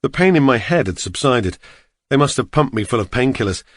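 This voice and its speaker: A man narrates an audiobook in the first person with a steady, measured delivery. His voice sits in a middle range. The recording is close and dry. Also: mid-range voice, no room sound.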